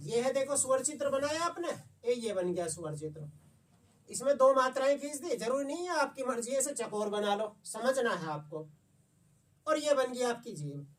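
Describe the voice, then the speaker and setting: A man's voice: extremely high pitch, animated, moderate pace, recorded from a distance. A male Hindi teacher giving an exam-prep class, asking the students questions and answering them himself. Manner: coaxing, repeats "समझ गए बच्चे?".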